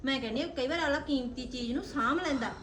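Woman playing a high-voiced scheming sister-in-law. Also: rapid-fire, fairly bright tone, recorded from a distance, a little hiss or hum. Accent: Punjabi. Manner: accusing, then shrill and indignant. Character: scheming sister-in-law, jealous and sharp-tongued. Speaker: elder brother's wife in a family drama. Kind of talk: Punjabi short film acting.

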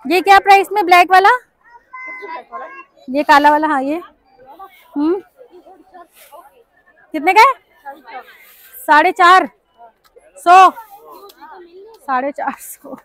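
A woman's voice: very high voice, slow, pauses often, fairly bright tone. A Pakistani woman with a Pakistani Urdu accent, filming a casual shopping vlog on her phone and chatting as she asks stall prices. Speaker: shopping vlogger. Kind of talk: casual walk-through vlog. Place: crowded outdoor street market. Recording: busy crowd noise behind.

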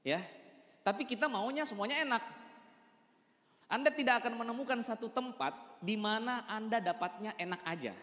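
A man with a very high, animated, fairly bright voice delivers an emphatic motivational talk at a business meeting, at a moderate pace. He speaks directly to the live audience and mixes in English words. The hall is echoey, with long reverb.

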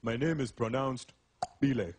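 A man doing a stern, slow casino dealer. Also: medium pitch, slight background noise, pitched below the performer's own voice, lightly acted. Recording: live stand-up, loud crowd laughter.

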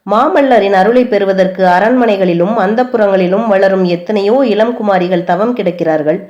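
A woman's voice: mid-range voice, lo-fi sound, lightly acted. A woman voicing a proud young dancer, hurt and reproachful, in an audiobook. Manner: sharp, reproachful speech.

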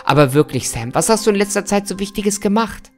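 A man's voice: sits high, lively intonation, fairly quick, soft background music, pitched above the performer's own voice. A man voicing a cheerful, chatty woman boss in a spooky storybook reading. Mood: bubbly. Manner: bright, gushing, breezy.

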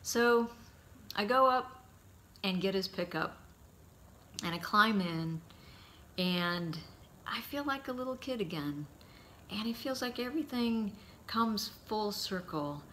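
A middle-aged man giving a heartfelt eulogy, telling stories about his father in a halting, storytelling way. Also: high voice, expressive, slight background noise. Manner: warm, halting anecdotes with frequent pauses.

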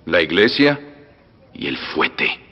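On a dull film soundtrack with long reverb and faint music, a Mexican-accented actor dubs a teasing middle-aged revolutionary general who threatens, bursts out laughing and swings from soft menace to loud outbursts. The low-pitched male voice is sing-song, slow and heavily acted, with a jovial mood. There is noise in the background.

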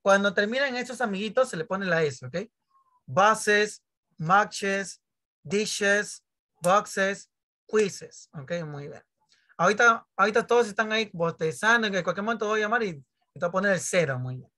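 A man teaches English over a video call, with a bright, ringing voice. He jokes and teases his pupils and plays out their questions in their voices. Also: high-pitched, expressive, normal speed. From Peru. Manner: joking, teasing pupils, acts out their questions. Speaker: primary school English teacher. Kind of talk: online class, explaining grammar.

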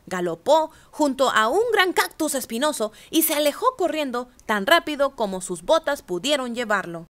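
A woman reads a children's picture book aloud, animating each line. Her voice is high and swoops expressively through the narration. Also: very animated, moderate pace, hardly any pauses, a bit bright. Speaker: storyteller.

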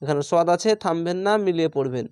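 A man's voice: a little high, quick pace, a little mellow, smooth, no echo, studio quality. A man teaching Quran recitation, spelling words out syllable by syllable with a Bangladeshi Bengali accent and drawing out the chanted words.

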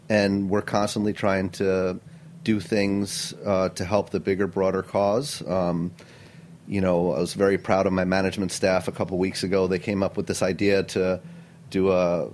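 A middle-aged man with a notably low voice, speaking as a chef in a studio interview. He answers earnestly and with energy, sprinkling in "you know" and "um" as he goes. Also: darkish tone. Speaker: chef and restaurant owner. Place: radio studio.

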